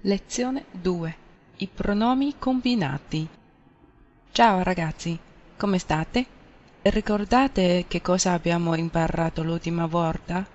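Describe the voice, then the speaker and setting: A woman's voice: on the low side, measured pace, darkish tone. Woman teaching Italian, dull lo-fi audio. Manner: clear, explaining step by step. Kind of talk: recorded language lesson.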